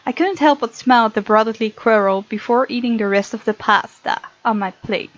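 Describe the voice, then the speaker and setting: Reading a visual novel aloud, a female gaming host mixes in casual, expressive remarks, her voice fairly high and her pace fairly quick. The audio is dry and a bit muffled, as if from a modest home microphone.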